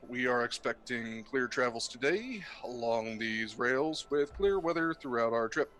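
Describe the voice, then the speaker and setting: A man's voice: mid-range voice, a bit bright. A man doing a formal train pilot on the intercom. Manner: slow, formal announcer delivery. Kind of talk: game master voicing a character.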